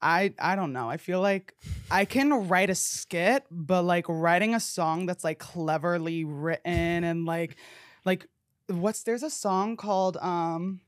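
A man's voice: high-pitched, takes it slowly, no room sound. A young man from New Jersey hosting a podcast, chatting casually in a playful, campy way with lots of fillers, on a studio mic in a small cozy set. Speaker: podcast host. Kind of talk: casual chat. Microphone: studio mic on boom arm.

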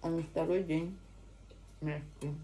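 A woman talks through a mouthful of food, slow and unhurried, with soft murmurs between bites. Her voice sits low and mellow. A faint hiss of noise hangs behind her. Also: steady tone. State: mouth full. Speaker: mukbang vlogger. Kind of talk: casual eating vlog.

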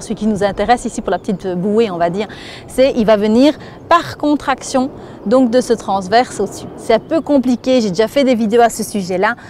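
There's slight background noise as a woman in her thirties, a fitness instructor with a Belgian French accent, leads a lesson. Her voice is a little high and a little mellow, and she counts and breathes through each move while explaining.

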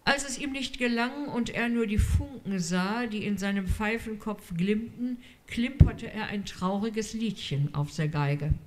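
A woman reading a literary story aloud in a measured storytelling manner. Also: medium pitch, expressive. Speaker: reader.

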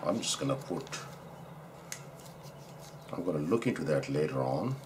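A bass-voiced Pakistani doctor talks in a sing-song way at a moderate pace against a noisy background. Sitting at his desk indoors beneath an overhead camera, he casually unboxes a razor, rambling and correcting himself while admiring the parts.

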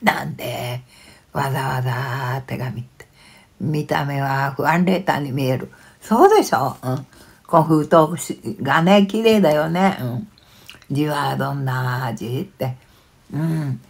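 An older woman chatting casually on a live stream, reading viewer comments aloud with frequent soft fillers. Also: rumbling low, measured pace, gravelly, breathy edge.

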